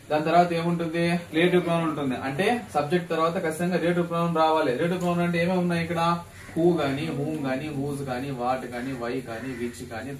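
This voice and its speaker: A man teaching English grammar to a class, asking questions and repeating the key terms for students to echo back. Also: on the high side. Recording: echoey classroom, mic at a distance, faint noise.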